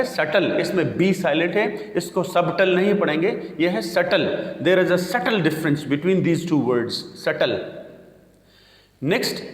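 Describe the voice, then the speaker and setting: A man teaching English pronunciation, spelling words out slowly and deliberately. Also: fairly high pitch. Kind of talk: pronunciation lesson. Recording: echoey room with long reverb.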